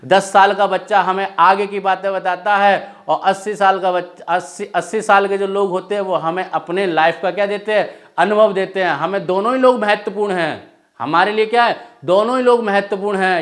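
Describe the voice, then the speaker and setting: High-voiced man teaching, self-answering questions. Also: fairly bright tone. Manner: asks a question then answers it himself, exhorting. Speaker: exam-prep teacher. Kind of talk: classroom lecture with call-and-response questions. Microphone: whiteboard lecture recording.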